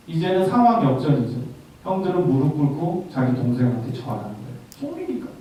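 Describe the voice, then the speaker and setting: Man preaching, high voice, very lively pitch, strong hall echo, distant mic. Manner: addresses congregation directly with questions. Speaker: pastor. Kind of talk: sermon. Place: church worship hall. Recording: very echoey hall, from far off.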